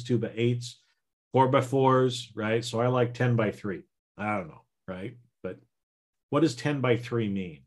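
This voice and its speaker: Slow-talking man coaching listeners. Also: mid-range voice. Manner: slow, drawn-out, frequent "right?" and "okay?" tags. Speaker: podcast host and healing coach. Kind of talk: casual teaching monologue.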